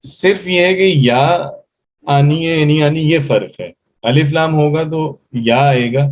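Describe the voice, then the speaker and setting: A man teaching grammar one-on-one, explaining rules step by step, slowing down on example words, and often checking that the student follows. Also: mid-range voice, a little mellow. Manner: slows down to spell out example words. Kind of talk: patient one-on-one grammar tutoring.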